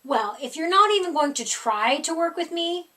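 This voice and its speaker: A woman's voice: very high voice, animated, pushed and bright, recorded from a distance, a little hiss or hum, voice pushed up, exaggerated voice. A woman voicing a big scruffy boy monster for a storybook, whiny and bumbling, slurping and stammering as he tries to be menacing. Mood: whiny, huffy. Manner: slurping, stammering, drawn-out words.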